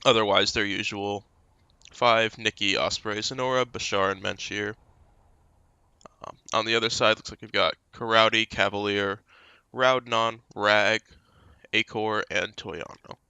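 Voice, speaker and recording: A man casting a live esports match in a relaxed, chatty way. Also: on the low side, unhurried, smooth, dry recording. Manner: relaxed, chatty, talks through a meal. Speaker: esports caster.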